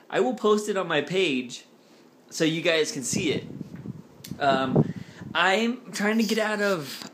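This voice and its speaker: A man's voice: high voice, very noisy. A young man from the United States chatting casually in a vlog, rambling, joking and cutting himself off mid-sentence. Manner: rambling, jokey, self-interrupting. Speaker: vlogger.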